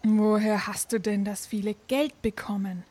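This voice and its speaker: A woman's voice: mid-range voice, fairly even intonation, normal speed, mellow, no room sound, close to an everyday voice. A woman voicing a greedy, violent peasant man who speaks bluntly.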